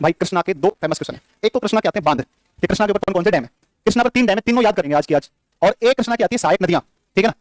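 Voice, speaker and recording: Man, teacher, geography class, very fast, high voice, drills questions and answers, jokey, dry close sound. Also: no room sound. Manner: jokey, scolds the class playfully. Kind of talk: live classroom lecture.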